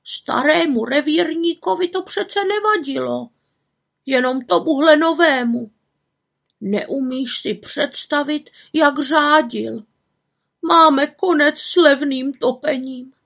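A woman voicing a group of tearful old grannies in a storybook reading, speaking in a high, drawn-out, wailing voice. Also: gravelly, a bit bright. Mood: outraged. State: sobbing.

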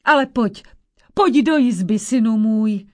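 A woman doing slow, grave old witch Ježibaba. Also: fairly high pitch, a little mellow, natural voice. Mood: grave warning. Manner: slow, warning, grandmotherly. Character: old hunched witch Ježibaba, female, caring but grave.

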